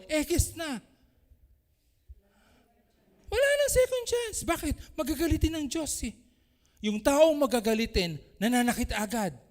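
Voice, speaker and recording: A man preaching a sermon as pastor, animated, swinging between loud exclamations and soft asides. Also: very high-pitched. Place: church. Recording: church hall with long reverb.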